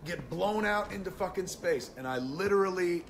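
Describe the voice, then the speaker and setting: A man streaming live, chatting casually about a movie in an excitable, profane way. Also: sits high, normal speed, gravelly, slight background noise. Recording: loud game gunfire behind the voice.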